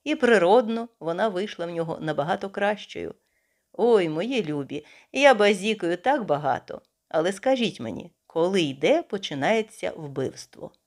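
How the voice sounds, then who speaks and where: A talkative young vicar's wife pours out gushing, breathless chatter, as a woman narrator voices her. Her lowish voice swings widely up and down as she rattles on, the way an audiobook reader gives a character a lively turn. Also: normal speed.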